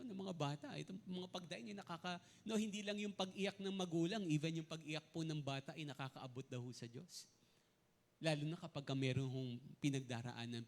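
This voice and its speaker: A middle-aged male pastor preaching a sermon, swinging between loud emphasis and soft low asides, often checking with the congregation and mixing in English words. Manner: asks the congregation frequent "No?" and "Naintindihan mo ba?" checks.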